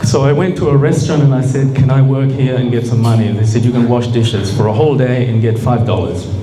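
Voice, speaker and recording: A man's voice: medium pitch, quick pace, crowd noise. Chatty man telling a story on stage. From Peru. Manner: chatty, rambling, questions to the audience. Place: small bar venue, live audience. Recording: echoey room with faint noise.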